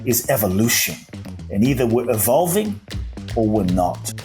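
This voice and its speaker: A man's voice: mid-range voice, very animated, moderate pace, over music. Earnest man telling his spiritual story. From Ghana-born, raised in London. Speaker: podcast guest, author and speaker. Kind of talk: reflective storytelling interview.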